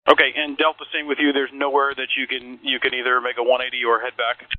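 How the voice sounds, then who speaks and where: A man working as an air traffic controller, speaking halting instructions over air traffic control radio. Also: medium pitch, completely flat delivery, no echo. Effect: radio transmission. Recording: tinny narrow-band aviation radio.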